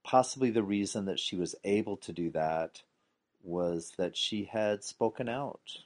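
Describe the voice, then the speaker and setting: Deep-voiced male host, measured and reflective. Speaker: podcast host. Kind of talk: interview conversation.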